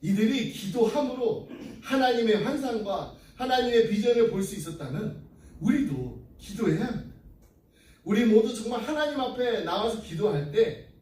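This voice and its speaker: A pastor with a high voice delivers an earnest sermon. The sound is roomy and a bit distant, picked up from across a church sanctuary. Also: male voice, expressive, moderate pace, a little mellow. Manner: earnest preaching, closing in prayer. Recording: echoey room, distant mic.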